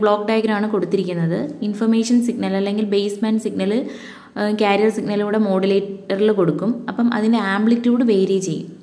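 A woman with a Malayali accent teaching an exam-prep lesson, reading English definitions slowly, then explaining them in her own words. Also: medium pitch, warm tone.

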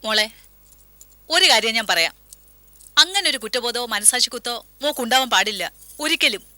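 A woman's voice: a little high, animated, a little fast, sharp tone, no echo. A doting, reassuring mother. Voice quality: soothing, motherly. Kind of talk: TV serial acting.

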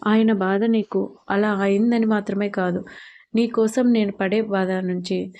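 A woman voicing a young husband who speaks gently and coaxingly to his wife. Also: mid-range voice, flat delivery, a little slow, close to an everyday voice. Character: young husband, tender and protective.

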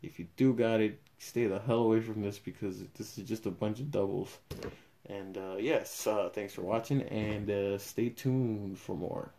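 This young man's voice is lowish and mellow, with fairly even intonation and a normal pace. He rambles casually through an unboxing review of collectible cards, thinking aloud while opening packs, and since the camera mic is awkwardly placed, his level drops in and out as he moves.

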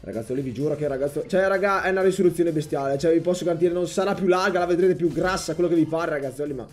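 A young man commentating his own gameplay as a channel host, excitable and jokey, jumping between loud outbursts and low muttering. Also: rapid-fire, soft background music. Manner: jokey, sings and mocks opponents. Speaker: gaming YouTuber.

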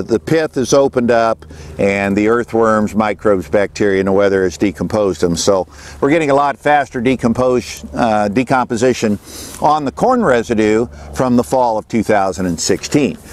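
Man, farmer, halting and plain-spoken, outdoors in a field, camera a few meters off. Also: lowish voice, a little hiss or hum. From Western Illinois. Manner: plain-spoken, halting with many fillers and repeated words. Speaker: farmer presenting on-farm research. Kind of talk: informal field demonstration to camera. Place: open farm field outdoors. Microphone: camera at a few meters, kneeling speaker.

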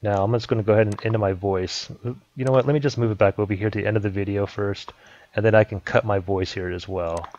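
A man casually explaining a video editing program step by step, in a relaxed way. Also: lowish voice, fast talker, dull audio, slight background noise. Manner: relaxed step-by-step explaining, repeats "let me go ahead". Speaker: software tutorial host. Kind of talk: casual screen-recording tutorial.

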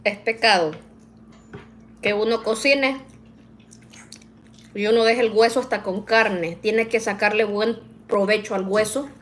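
Cooking at home, a middle-aged vlogger chats with her viewers in a mid-range voice with fairly even intonation, speaking at a measured pace and pausing often. She calls them "niñas" and keeps adding "¿verdad?" to her sentences. There is slight background noise.

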